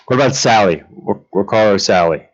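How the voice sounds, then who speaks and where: A man with a low voice plays a tabletop game, hesitating and thinking aloud over each move. The sound is dull, lo-fi online call audio. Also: a little fast, breathy edge. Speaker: player. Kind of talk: casual tabletop play.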